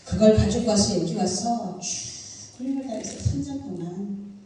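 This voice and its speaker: A middle-aged woman pastor preaching a sermon in a church hall, telling stories in an animated way with sudden loud bursts. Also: medium pitch, moderate pace. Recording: echoey hall, distant mic, faint noise.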